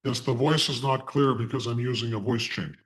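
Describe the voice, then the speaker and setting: Lecturer on a video call, his voice masked by a voice changer. Measured, explanatory delivery with a dry edge. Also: medium pitch, steady tone, low-quality recording. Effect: voice changer disguising his voice. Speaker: guest lecturer. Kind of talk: online class lecture.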